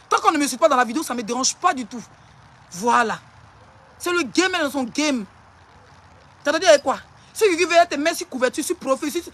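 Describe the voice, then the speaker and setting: An Ivorian social media personality rants and hurls insults during a live-stream clash, taunting in a rapid-fire way. The voice is high and a bit bright.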